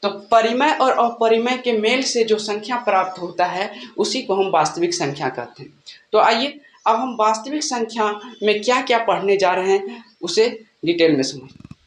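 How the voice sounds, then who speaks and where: A man's voice: sits high, expressive, moderate pace. A man teaching a maths lesson as a tutor, asking questions and answering them himself, with frequent check-ins. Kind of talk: classroom-style lesson explanation. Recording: echoey room with faint background noise.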